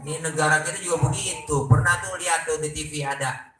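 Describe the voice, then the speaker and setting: A man's voice: a little high, steady tone, fast talker, far from the mic, music in the background. A man with a Jakarta Betawi accent giving a comic sermon at a prayer room gathering, acting out both sides of the dialogues he tells. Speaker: preacher. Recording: echoey room, noisy ambience.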